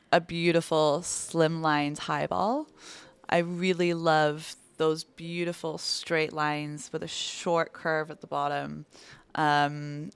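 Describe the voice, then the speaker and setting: A woman's voice: deep voice, clear, resonant tone, dry recording. A woman in her thirties from Belgium, a bartender talking enthusiastically in a casual podcast interview, lingering on descriptive words. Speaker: bartender guest.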